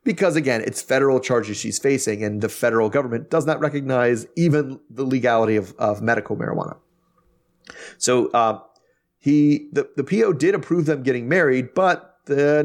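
A man's voice: mid-range voice, fairly quick. Wry, chatty man recapping a show. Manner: animated, wry, with many restarts. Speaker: podcast host. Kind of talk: casual recap chat.

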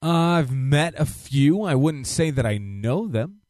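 A man's voice: fairly high pitch, lively intonation, a little slow, darkish tone, no echo, studio quality. A man in his late thirties, co-hosting a podcast in casual chat, reacting with blunt, profane exclamations. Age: 30s. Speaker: podcast co-host.

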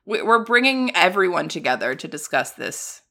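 A woman co-hosting a podcast in casual, playful chat, quick with jokes. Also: on the low side, very animated, vocal fry, sharp tone. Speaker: podcast co-host. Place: home recording setup.

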